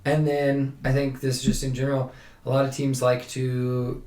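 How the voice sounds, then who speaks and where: A cheerleading coach co-hosts a sports podcast, chatting casually as he recaps competitions and shares his opinions. His voice is medium-pitched, monotone and a little mellow, at a moderate pace. The sound is roomy and echoey.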